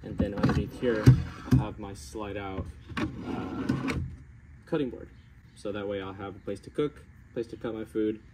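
Standing outdoors in a home driveway, a middle-aged DIY vlogger gives informal how-to narration, reasoning out loud as he goes. His fairly low voice stays fairly even in intonation at a normal speed, broken by long pauses, while clicks and background noise come through a clear recording.

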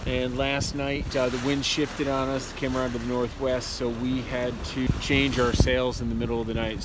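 Man in his forties, steady low-key voice, casual sailing vlog to camera at arm's length, loud wind noise over the mic. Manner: relaxed, explanatory, many fillers. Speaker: sailing travel vlogger. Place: outdoors on a sailboat deck at sea. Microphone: handheld camera at arm's length. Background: wind and waves.

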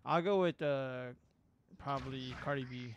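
A man's voice: mid-range voice, measured pace, highs cut off, a little hiss or hum. A man streaming a shooter game, joking loosely with friends and rambling in casual chat.

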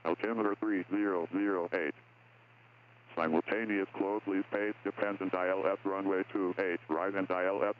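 Sex: man. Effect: airport weather broadcast over tinny radio. Pitch: deep. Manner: measured recitation. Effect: airport weather broadcast over aircraft radio. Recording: tinny radio with faint hiss.

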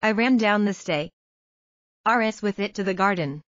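Female news narrator, measured read-out, mid-pitched, dry and slightly dull recording. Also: no room sound.

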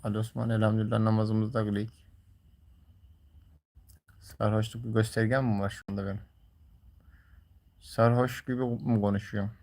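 A man's voice: on the low side, flat delivery, moderate pace, pauses often, a little mellow. A man livestreaming, talking casually and colloquially to viewers in a grumbling, teasing way. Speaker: live streamer.

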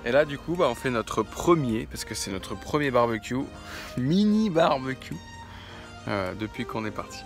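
A French vlogger in his twenties, mid-range voice, talks casually into a phone held at arm's length, relaxed and full of filler sounds. It's a travel vlog shot outdoors by the sea and inside a camper van, with music running underneath throughout.

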